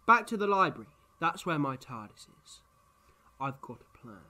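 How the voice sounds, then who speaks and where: Eccentric sci-fi hero, male actor: bright, lightish voice, theatrical bluster, impulsive confidence. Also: a little high, full character voice. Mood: confident, breezy. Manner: animated, theatrical, quick to bluster. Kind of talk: sci-fi audio drama acting.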